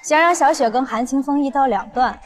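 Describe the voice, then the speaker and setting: A woman's voice: high-pitched, brisk, a crowd in the background, lightly acted. An actress playing a ruthless, cold middle-aged company chairwoman in a drama. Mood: cold, commanding. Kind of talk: villain drama acting.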